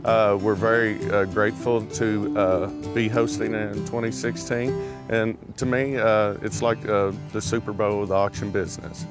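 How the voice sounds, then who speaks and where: A man talks off the cuff in an interview. His voice is on the low side, and loud plucked guitar music plays behind him. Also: fairly even intonation, moderate pace. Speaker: sale barn owner, interviewee. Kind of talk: unscripted interview talk.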